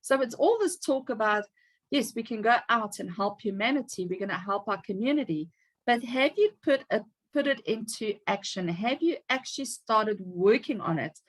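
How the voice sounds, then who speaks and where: A woman's voice: fairly high pitch, animated, normal speed. A woman, giving an upbeat, emphatic motivational talk as a team leader on a video call. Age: 50s.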